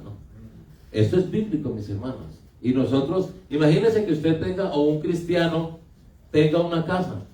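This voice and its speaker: A man's voice: mid-range voice, dark tone. A male pastor preaching a sermon in a conversational way, asking his congregation questions. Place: church hall. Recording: echoey hall, picked up from a distance.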